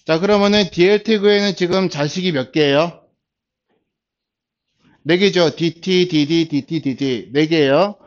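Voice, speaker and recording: A man in his forties teaching a class, patiently explaining step by step and starting phrases with a drawn-out filler. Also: fairly high pitch. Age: 40s. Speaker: instructor. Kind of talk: classroom lecture. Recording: dull lo-fi lecture recording.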